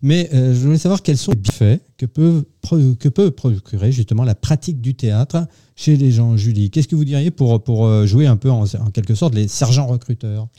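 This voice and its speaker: A man's voice: mid-range voice, fairly quick, hardly any pauses, warm tone. A man hosting a radio interview, joking and teasing his guests. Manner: jovial, teasing questions. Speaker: radio host. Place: radio studio.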